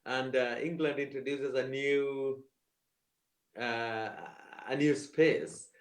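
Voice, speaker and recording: A man's voice: medium pitch, fairly even intonation, slow, echoey room. A man from Kenya, a theatre producer, speaking earnestly on a video call panel and repeating words as he searches for phrasing. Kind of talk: panel discussion.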